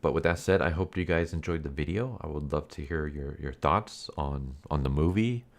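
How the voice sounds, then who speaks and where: Sick with a blocked nose and a cough, this anime movie reviewer and channel host sounds nasal and stuffed up in his extremely deep voice. He chats casually to his viewers at a moderate pace, rambling without a script and restating things repeatedly.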